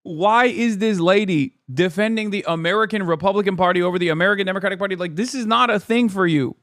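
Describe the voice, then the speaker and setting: A man's voice: high voice, quick pace, a bit bright, no echo, clean studio sound. A man streaming casual reaction commentary, sarcastic and mocking, swearing freely.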